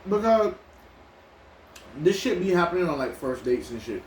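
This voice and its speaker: A man from New York chats over food in casual slang, doubling back on his own words as he goes. His voice sits a little high, and the room gives it a clear echo. A faint hum of ambience stays under everything. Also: very animated, normal speed, darkish tone. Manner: loose, slangy storytelling with many restarts. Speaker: mukbang co-host. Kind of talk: casual chat while eating.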